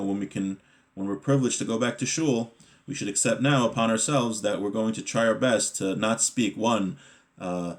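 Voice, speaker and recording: A mid-range male voice leads a Torah lesson as a religious teacher. He reads the Hebrew text aloud, then explains it conversationally in English, regularly checking in with a short question.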